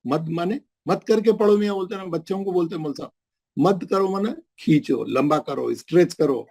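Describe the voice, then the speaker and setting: A man teaching a Quran recitation class, drilling syllables slowly and often checking in with his students. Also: high-pitched, creaky, a little mellow. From Hyderabad, India. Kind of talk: classroom lesson.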